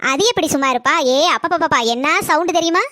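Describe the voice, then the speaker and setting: A woman's voice: high-pitched, fast talker, a bit bright, no echo, studio quality. A woman voicing a nosy neighbor in a cartoon who eagerly spreads street gossip, with a Kanyakumari Tamil accent. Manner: breathless, eager storytelling gossip. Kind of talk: cartoon comedy dialogue.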